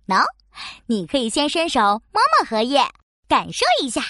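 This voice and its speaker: A small, eager frog from a children's science cartoon. The frog voice is very high and bright, dotted with croaks, and recorded very dry. It explains things in a friendly, patient, little-teacher manner with lively swings in pitch. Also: female voice, normal speed, no echo. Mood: explanatory. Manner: frog voice, punctuating talk with croaks.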